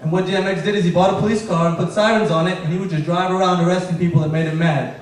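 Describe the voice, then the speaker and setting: Heard far off through a stage mic in a strongly reverberant club, a young comedian from Afghanistan rattles through his set at high speed. His voice is high, his storytelling deadpan, and he performs the characters he quotes.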